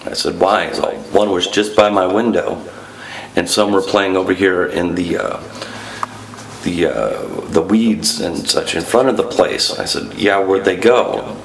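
Deep-voiced man telling a ghost story. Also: measured pace, poor audio. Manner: hesitant, rambling with fillers. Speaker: urban explorer host. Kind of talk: casual storytelling to camera.

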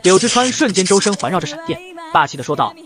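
A man narrating a comic story in a brisk, lively storytelling manner. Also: sits high. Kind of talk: fast scripted comic narration.

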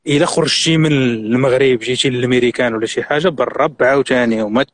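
A middle-aged Moroccan man talks at a breakneck pace on a live stream. His voice sits at an ordinary middle pitch. He gives earnest, insistent advice and slips French and English words into his speech. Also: fast. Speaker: guest.

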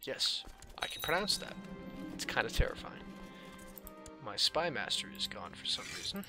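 This gaming video host's casual commentary is dry and offhand as he muses aloud, yet his medium-pitched, slightly scratchy voice has a sing-song quality at normal speed. Music plays under his voice.

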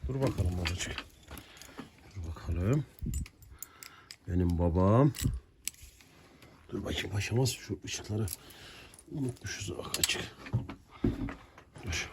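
A man's voice: deep voice, slow pace, pauses often, background noise. A man talking casually to his animals and his viewers on a farm, coaxing them one moment and giving firm commands the next. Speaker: farm vlogger with horses and dogs. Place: outdoors on a rural farm.

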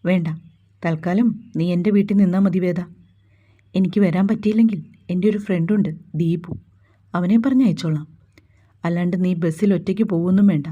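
A woman's voice: on the low side, a little fast, long pauses, warm tone, dull audio, natural voice. A woman voicing a stern, protective young man, speaking curtly and bossily. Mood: bossy. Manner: curt, bossy.

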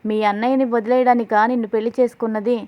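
A cruel young husband from a family drama retelling makes vengeful threats, read out by a woman. The voice stays fairly high and flat. The audio is slightly dull. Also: fast, natural voice. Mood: menacing.

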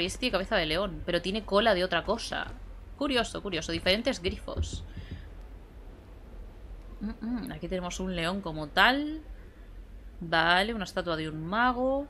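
With game music playing and a little hiss or hum in the recording, a young female streamer talks to herself mid-game. Her voice is mid-range and fairly bright, and her commentary stays light and playful.

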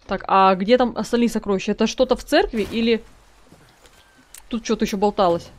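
A woman's voice: medium pitch, brisk. A woman giving casual gameplay commentary as a let's play gamer, chatting to her viewers and reading in-game notes aloud.

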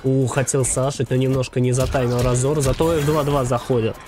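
A man's voice: medium pitch, level tone, fairly quick. A man commentating live on a fighting game tournament as an announcer, in short, clipped play-by-play calls full of gaming jargon. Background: game music.

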